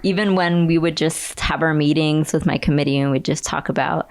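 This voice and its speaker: A young woman with a low, full voice speaks as a guest in a relaxed interview. She tells her story in an animated way, acting out remarks and laughing often. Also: fairly quick. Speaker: Starbucks barista and union organizer, guest.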